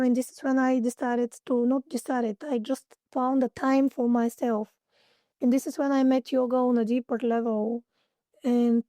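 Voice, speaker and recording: Brief: Bulgarian-accented woman, fairly high voice, dry close sound, halting interview answers, searches for English words. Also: warm tone, no room sound. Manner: hesitant, searching for English words, many fillers. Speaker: guest, holistic therapist.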